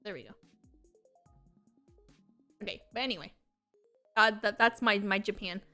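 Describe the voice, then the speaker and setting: A woman's voice: medium pitch, a little slow, bright, forceful tone, faint music behind. A young woman streamer chatting casually and telling rambling, giggly stories. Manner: rambling and giggly, with frequent laughs and filler words. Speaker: VTuber streamer. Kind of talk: casual chat stream, storytelling.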